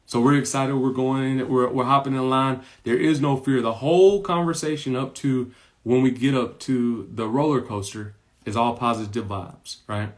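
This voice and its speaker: An adult man of ordinary pitch shares a personal story as a motivational lesson on his podcast. He speaks earnestly, circles back to repeat his points, and keeps checking in with the listener. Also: fairly even intonation, normal speed. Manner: earnest, repeats points and tags lines with "right?". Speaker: podcast host.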